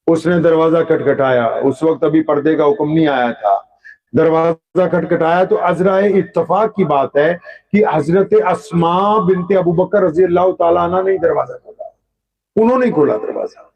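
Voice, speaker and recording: A man's voice: fairly high pitch, moderate pace, vocal fry, muffled recording. A male Islamic preacher, telling a story in a dramatic, impassioned sermon.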